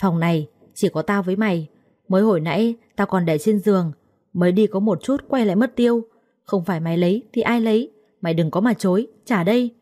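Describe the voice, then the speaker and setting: A woman voicing a quarrelsome young female house servant who shouts accusations. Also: brisk, no room sound, studio quality, natural voice. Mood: shrill accusing. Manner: shrill yelling, quarrelsome.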